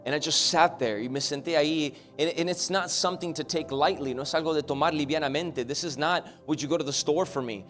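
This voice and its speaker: A man preaching, who says every line once in English and once in Spanish. His voice sits a little high, and quiet music plays under him. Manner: preaching loudly in the opening, then quiet and halting as he tells a personal story; hesitant, repeats words as he searches for them. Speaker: pastor. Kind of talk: bilingual sermon, repeating each line in English and Spanish.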